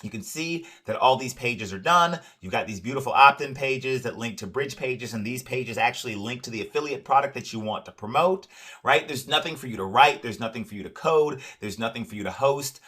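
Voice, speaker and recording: Man, software walkthrough, salesy and upbeat, mid-range voice, lots of "uh" and "right?". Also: medium pitch, lively intonation, brisk, breathy edge. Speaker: product demonstrator. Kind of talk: screen-share software walkthrough.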